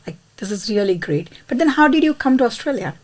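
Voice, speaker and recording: A woman's voice: a little high, animated, fast talker. A woman hosting a podcast interview, speaking in an effusive, encouraging way. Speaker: podcast host.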